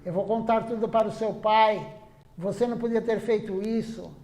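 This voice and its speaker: A man's voice: high voice, steady tone, normal speed, darkish tone, echoey room. A man voicing an angry mother scolding her son in a told story.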